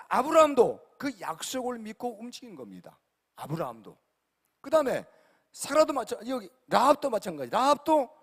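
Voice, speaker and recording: A male pastor preaching an emphatic sermon, repeatedly questioning his congregation and swinging between loud and quiet. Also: sits high. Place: large church sanctuary. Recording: long hall reverb.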